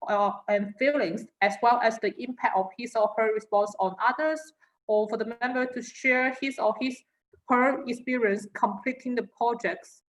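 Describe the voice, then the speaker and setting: A woman introducing a speaker at an online meeting, reading hesitantly with filler pauses. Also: a little high, rough recording. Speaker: speech evaluator. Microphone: video call.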